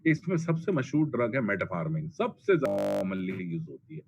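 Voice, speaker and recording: A man's voice: lowish voice, sing-song, moderate pace, vocal fry. A man giving a pharmacology lecture, blunt and colloquial, repeating drug names for emphasis. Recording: dull lo-fi classroom recording, faint noise.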